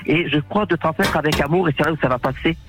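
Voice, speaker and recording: A man's voice: a little high, fast talker, a bit bright, low-quality recording. A man, a language teacher guest on a radio show, explaining his method earnestly and chuckling now and then. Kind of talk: radio interview answers.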